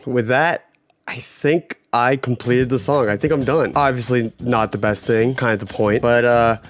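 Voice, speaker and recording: A man's voice: medium pitch, fairly even intonation, moderate pace, no room sound. A young man narrating a comedic music-making vlog in a jokey, profane, self-mocking way. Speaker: YouTube music creator.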